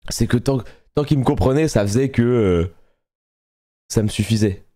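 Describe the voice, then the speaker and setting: He's streaming live with medium pitch and a moderate pace, bantering excitedly with viewers, laughing frequently and dropping casual swear words.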